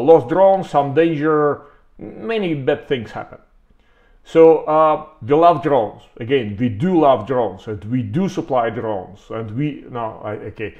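A man's voice: medium pitch, a little mellow, muffled recording. A man gives a conversational product talk from a webcam, stopping often to rephrase and repeating words for emphasis. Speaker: company representative presenting products.

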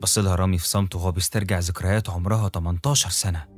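A man with an Egyptian accent narrates a scripted horror story in a steady, dramatic manner. His voice is fairly low and his pace brisk. Soft music plays faintly underneath. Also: slightly rough. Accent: Egyptian Arabic. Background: soft background music.

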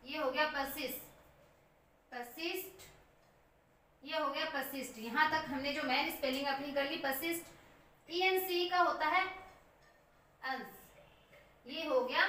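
A woman teaching English phonetics in Hindi, slowly sounding out words syllable by syllable as she writes. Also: high-pitched, sharp tone, slight background noise. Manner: slow, repeats words aloud syllable by syllable while writing. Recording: echoey room heard from a distance.

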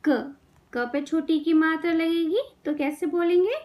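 A woman's voice: very high-pitched, a little mellow. A young woman teaching children to read, drilling syllables and words with questions she answers herself. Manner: slow, sing-song drilling with repeated questions and answers.

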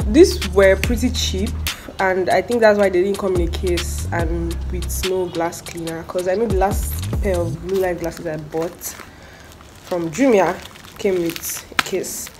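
A woman's voice: lowish voice, steady tone, a little slow, music in the background. Chatty woman vlogger. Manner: chatty, blunt, swears casually. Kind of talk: casual unboxing vlog. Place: at home.

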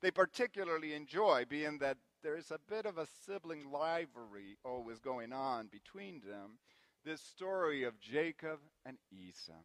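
A Guatemalan preacher delivers a sermon in church, weaving in family stories with warm, anecdotal storytelling and gentle self-deprecating humor. His voice sits somewhat high for a man and is expressive, at a moderate pace. The sound is close and dry, with little room echo.

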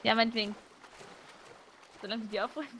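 A woman's voice: a little high, steady tone, quick pace, fairly bright tone, a little hiss or hum. A woman playing a suspicious young homeless woman who complains and refuses to trust, in a game roleplay. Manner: distrustful, pouty complaining.

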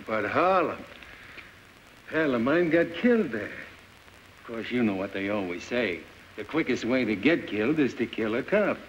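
A man's voice: mid-range voice, natural voice. An actor playing a world-weary, middle-aged beat policeman with a New York accent in 1930s film style. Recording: muffled old film soundtrack, faint hiss.

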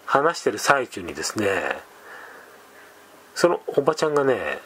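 A man's voice: medium pitch, sing-song, normal speed, bright, forceful tone, a little hiss or hum. A man telling a scary story in a casual, rambling way, with conversational asides. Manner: rambling, many fillers and restarts, conversational asides.

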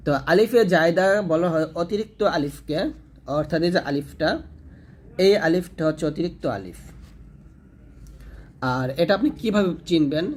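A man's voice: on the high side, slight background noise. A man teaching Quran reading rules in a patient tutorial, repeating points and demonstrating recitation. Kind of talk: explanatory tutorial lesson.

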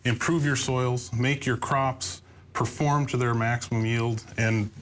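American man, thirties, medium pitch, informal expert panelist explaining haltingly, light background noise. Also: steady tone. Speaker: crop adviser, sales manager. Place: TV studio panel desk.

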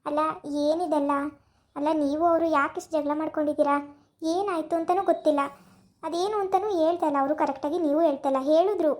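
A woman's voice: very high-pitched, darkish tone. A woman playing a caring young wife who scolds and presses a friend to make peace, asking question after question, in an amateur village drama.

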